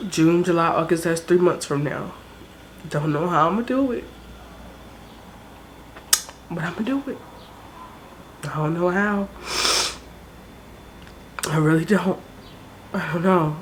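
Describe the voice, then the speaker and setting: Speaking slowly and pausing often, a woman with a lowish voice pours out her struggles in an emotional vlog. She is in her twenties, from South Jersey with the accent to match, crying, worn out, blunt and heavy on the swearing; slight background noise is audible.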